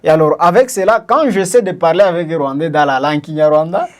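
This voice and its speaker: A man's voice: a little high, fast talker. A man from Congo co-hosting a discussion, explaining with examples and many hesitant fillers. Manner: explains with examples, asks questions. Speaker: podcast co-host. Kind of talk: casual discussion.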